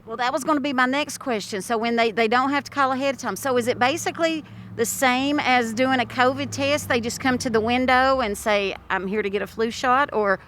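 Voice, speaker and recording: A woman with a bright, higher-pitched voice hosts a local TV interview. She speaks through a face mask, outdoors near a road. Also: brisk. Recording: outdoors by passing traffic.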